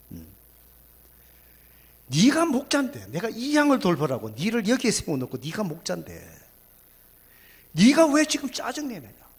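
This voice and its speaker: A man voicing a stern divine spirit who rebukes a pastor in hushed, chiding questions, told within a sermon. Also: sits high, breathy edge, long reverb tail, voice pushed up, exaggerated voice.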